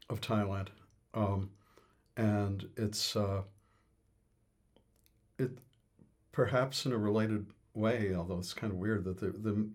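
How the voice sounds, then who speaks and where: Man, low husky voice, rambling interviewee who thinks aloud with fillers and restarts. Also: a little mellow. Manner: hesitant, many fillers and restarts. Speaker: interviewee on music. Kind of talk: thoughtful conversational explanation.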